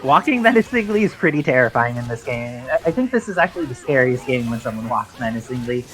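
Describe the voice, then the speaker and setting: A man's voice: medium pitch, very animated, fast, fairly bright tone, low-quality recording. A man giving live play-by-play commentary on a fighting game tournament, explaining mechanics and history at length. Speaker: esports commentator.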